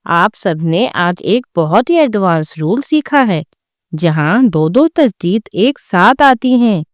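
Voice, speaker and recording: A woman's voice: medium pitch, animated, no echo, clean studio sound. A woman hosting a Quran lesson channel, reading a scripted, encouraging wrap-up of the lesson. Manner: encouraging, praising the learners.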